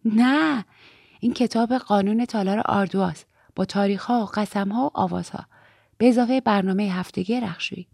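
An earnest, eager teenage girl, voiced by a woman reading a storybook aloud, confiding in a friend. The voice carries a gravelly, husky edge, and the sound is dry and close. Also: mid-range voice, darkish tone, no room sound. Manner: eager, confiding, drops to a whisper when fearful.

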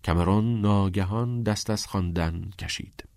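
A man narrating an audiobook in a calm, even storytelling manner. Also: lowish voice, no echo, studio quality.

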